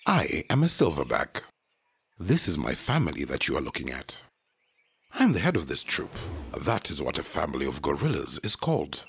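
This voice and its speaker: Proud, gentle gorilla patriarch for kids' educational show; extremely low, raspy voice. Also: male voice, wildly swooping pitch, moderate pace, exaggerated voice. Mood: proud, explaining. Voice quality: very deep, gravelly, husky. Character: proud gentle male silverback mountain gorilla, head of his troop. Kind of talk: scripted children's educational show.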